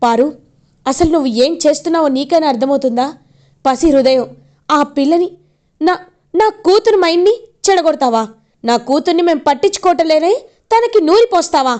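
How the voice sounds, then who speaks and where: A woman's voice: on the high side, moderate pace, long pauses, darkish tone, natural voice. A woman voicing an angry young father who scolds his family for upsetting his daughter, in a stern retelling of a TV serial.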